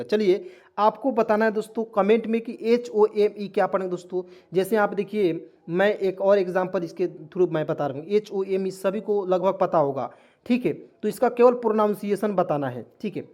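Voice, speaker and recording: A man's voice: sits high, a little fast, a little mellow. A man teaching English spelling and pronunciation in an online lesson, often asking a question and answering it himself as he addresses the viewers as friends. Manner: explains word by word, repeatedly asks and answers himself.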